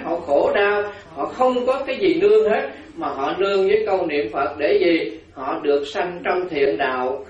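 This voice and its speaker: Man, high-pitched, humorous dharma talk, muffled lo-fi sound, audience in the room. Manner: humorous, laughing while telling anecdotes. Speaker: Buddhist monk giving a dharma talk. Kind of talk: storytelling sermon. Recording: roomy, distant, dull hall recording with audience. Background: audience laughter.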